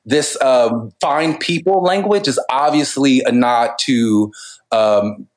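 Man, podcast co-host, mid pitch, thoughtful, laughs a lot, casual commentary. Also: takes it slowly, rough recording. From United States. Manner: thoughtful, laughs often, hesitant restarts. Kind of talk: casual cultural commentary chat.

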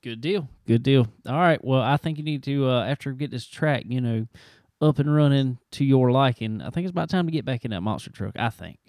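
A man's voice: mid-range voice, expressive, fast, few pauses, darkish tone, dry recording, clean studio sound. A man hosting a show, talking in a laid-back, joking way. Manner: laid-back, joking, drawling filler words. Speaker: radio show host. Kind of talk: casual chat.

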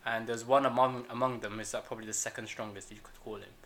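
A man's voice: mid-range voice, steady tone, fast, a bit bright. A man co-hosting a podcast in casual chat. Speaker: podcast co-host. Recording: clear background hiss.

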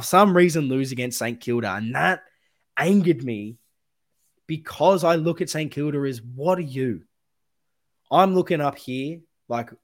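A young Australian man with a hoarse voice, giving a passionate football match review as a fan podcast host. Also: medium pitch. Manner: animated, emphatic, swings between loud outbursts and muttering. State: hoarse, losing his voice.

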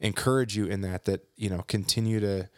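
A man with a low voice co-hosting a faith podcast, earnest and encouraging, often circling back and restarting his sentences. The sound is dry and close, with no room around it. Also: fairly even intonation, fairly quick, dry recording. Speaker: podcast co-host. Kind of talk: casual faith podcast chat.

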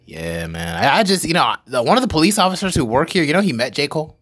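A man's voice: on the high side, expressive, quick pace, vocal fry, fairly bright tone. A young man hosting a podcast, chatting loosely and joking with plenty of swearing. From African family. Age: young adult. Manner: loose, joking, rambling with profanity. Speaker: podcast host. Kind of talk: casual chat.

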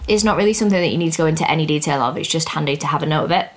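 A young woman hosts a casual finance podcast, breaking exam topics down in plain, upbeat talk. Her voice sits a little low. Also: racing. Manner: explains plainly, chatty and upbeat. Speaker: podcast host teaching finance exams.

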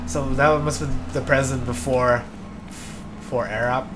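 A man's voice: mid-range voice, normal speed, over music, low-quality recording. Laid-back Filipino-born man in his twenties. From Philippines. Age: 20s. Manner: laughing, relaxed, full of fillers. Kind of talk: casual chat. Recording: noticeable background noise.

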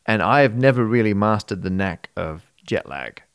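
A man's voice: on the low side, expressive, normal speed, clear, resonant tone. A man with an Australian accent talking casually as a podcast co-host. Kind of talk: casual chat.

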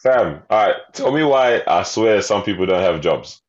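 Animated low-voiced man. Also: moderate pace, highs cut off. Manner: slangy street talk, bemused and exclamatory. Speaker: podcast host. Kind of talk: casual podcast banter.

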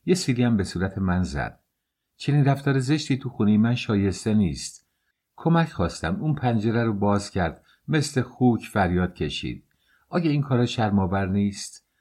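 A man's voice: lowish voice, very animated, darkish tone, slightly rough. A man voicing a flustered middle-aged landlady with a German accent who pleads her case indignantly. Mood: aggrieved.

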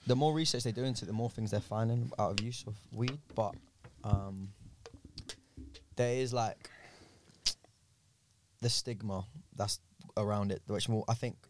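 A man's voice: lowish voice, moderate pace, noisy background. A young man with a London accent, talking things over casually on a podcast. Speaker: podcast guest. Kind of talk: casual discussion.

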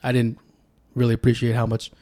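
In a casual podcast conversation, a guest who is a political candidate from Sacramento, California, with Tongan as his first language, speaks reflectively through stories. His medium-pitched, warm voice is delivered completely flat and a little fast.

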